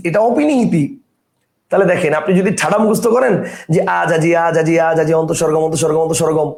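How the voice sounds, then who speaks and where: Man, grammar teacher, gravelly voice, echoey room. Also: high-pitched, darkish tone. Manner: repeats key terms, asks students if clear; mixes English phrases into speech. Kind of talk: online exam-prep lesson.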